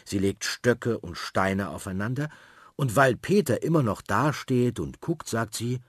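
A man reading a children's story aloud in a lively, expressive way. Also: mid-range voice, unhurried, slightly rough, no echo, clean studio sound.

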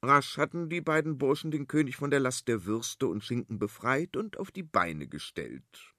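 Man reading a storybook, lively pitch, playful, dry close sound. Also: normal speed, no room sound. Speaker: narrator. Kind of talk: storybook narration.

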